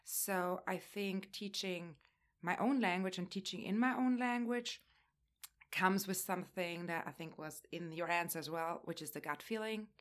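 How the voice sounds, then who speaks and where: A woman with a somewhat low voice speaks at a panel. She is a literature instructor and not a native English speaker, and she explains her approach in a measured, careful way. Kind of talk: panel discussion answer.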